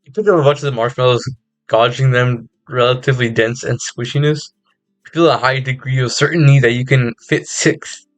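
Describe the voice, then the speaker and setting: A man's voice: mid-range voice, steady tone, fairly quick, no room sound, faint music behind. A man streaming a game, reading its narration aloud with giggles and stumbles. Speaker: gaming streamer.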